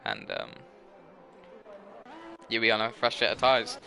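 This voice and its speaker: A man's voice: fairly low pitch, animated, measured pace, vocal fry, bright, forceful tone, a little hiss or hum. A tired young man giving live commentary on an online racing league, rambling and correcting himself as he goes. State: tired, yawning. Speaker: race commentator.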